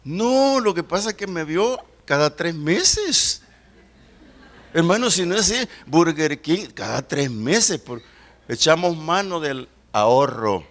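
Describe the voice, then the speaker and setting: An older man from El Salvador preaching a sermon as pastor, reading scripture aloud and swinging between loud declarations and low, quiet asides. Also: big pitch swings, takes it slowly.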